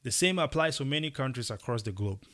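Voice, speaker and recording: A young man from Cameroon co-hosting a casual opinion chat, talking emphatically and rising into animated bursts. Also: medium pitch, fast talker. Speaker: podcast co-host.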